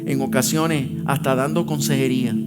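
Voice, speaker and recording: A man's voice: mid-range voice, steady tone, moderate pace. A male pastor preaching emphatically, acting out prayers and punching points with sound effects. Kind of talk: sermon. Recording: loud music playing behind the voice.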